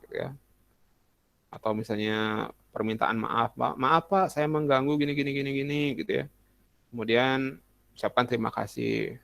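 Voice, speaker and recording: Gravelly-voiced male teacher, chatty lesson. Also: mid-range voice, fairly bright tone, no room sound. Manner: chatty, uses many examples and acts out student messages. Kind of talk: casual classroom lesson.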